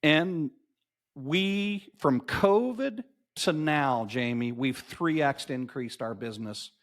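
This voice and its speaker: A man's voice: a little high, slow. Emphatic motivational man in his fifties. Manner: emphatic, motivational, repeats key phrases. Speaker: podcast guest, marketing agency owner. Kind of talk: animated interview storytelling.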